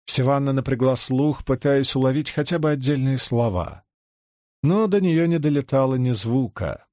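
A man reading a fantasy novel aloud as an audiobook narrator, with an expressive storytelling delivery. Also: mid-range voice, moderate pace, no room sound, studio quality.

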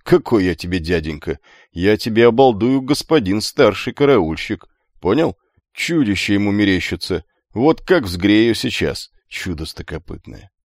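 A man doing a gruff nasal old guard chief. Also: low-pitched, expressive, a little slow, dry recording, studio quality. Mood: scolding. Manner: scolding, gruff. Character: grumpy gruff older male gate-guard chief.

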